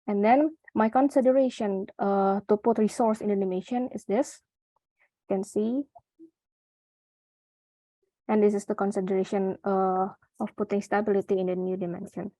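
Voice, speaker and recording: A woman's voice: medium pitch, steady tone, warm tone, dry recording. A young woman from Indonesia with an Indonesian accent, presenting her research paper at a conference, with many fillers and restarts. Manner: halting, with frequent fillers and restarts.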